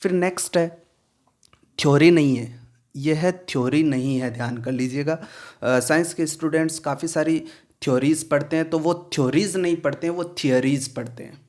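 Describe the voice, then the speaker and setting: A man teaching pronunciation in Hindi, explaining slowly, repeating words and often asking if it is clear. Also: fairly high pitch, a little mellow. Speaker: English teacher. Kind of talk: pronunciation lesson.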